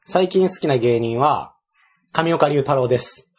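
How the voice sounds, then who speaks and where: A man's voice: medium pitch, lively intonation, measured pace, background noise. A man in his twenties with a Kansai accent chats casually as a co-host, often searching for his words in broken phrases. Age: 20s. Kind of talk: casual chat.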